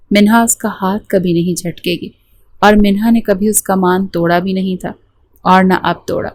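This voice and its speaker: A woman narrating a romance novel as an audiobook, with steady storytelling. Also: medium pitch.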